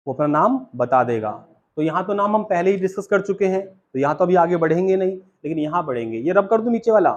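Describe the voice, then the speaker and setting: A man's voice: sits high, lo-fi sound. A man teaching spoken English in a classroom with an Indian English accent, mixing Hindi and English and repeatedly quizzing his students. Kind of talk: classroom lecture.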